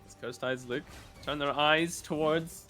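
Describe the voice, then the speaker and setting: A man's voice: a little slow, faint music behind. A tired man giving live play-by-play commentary on an esports match, his voice jumping up on big plays. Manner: excitable, pitch jumps on big plays. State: tired, yawning. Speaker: esports caster.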